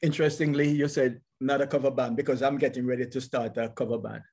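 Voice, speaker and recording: A man's voice: medium pitch, steady tone, quick pace, a little mellow. A man interviewing a musician in a casual chat, often answering with short agreements. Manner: frequent backchannels, laughs easily.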